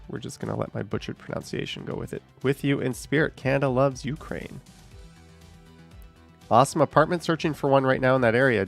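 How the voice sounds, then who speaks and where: Gravelly-voiced man reading chat comments. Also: medium pitch. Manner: chatty, dry asides while reading comments aloud. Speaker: YouTube streamer reading viewer comments. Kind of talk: casual live-stream chat.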